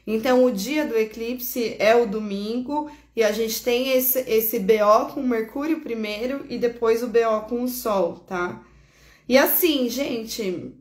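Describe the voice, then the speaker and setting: A woman from Brazil, hosting a casual horoscope chat, talking affectionately, laughing often and correcting herself as she goes. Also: a little high. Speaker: astrologer host. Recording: echoey room.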